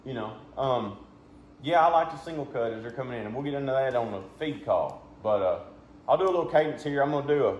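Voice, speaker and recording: A folksy man teaches duck calling in a casual, hands-on style. His pitch sits in the middle, and he speaks plainly. The sound is muffled and roomy, with some background noise. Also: animated, quick pace, darkish tone.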